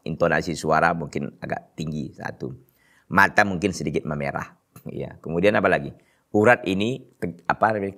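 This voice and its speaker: A man's voice: fairly low pitch, fairly bright tone. A man with a North Sumatran Indonesian accent giving an Islamic study lecture, reciting Arabic phrases, then translating them and asking rhetorical questions. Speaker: religious teacher.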